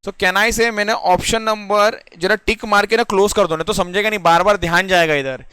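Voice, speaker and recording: A young man with a high-sitting, steady, sharp, clear and resonant voice teaches a classroom lecture on reasoning puzzles at a moderate pace. He speaks Hindi mixed with English in an Indian accent, explaining step by step and often asking whether students follow, and the studio-quality audio has no room sound.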